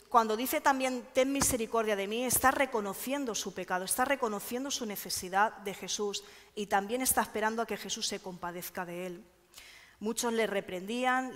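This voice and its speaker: A woman's voice: medium pitch, fairly bright tone. Woman preaching in a reverberant church. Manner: earnest, measured reading of scripture with pauses. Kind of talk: sermon. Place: church hall. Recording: long hall reverb.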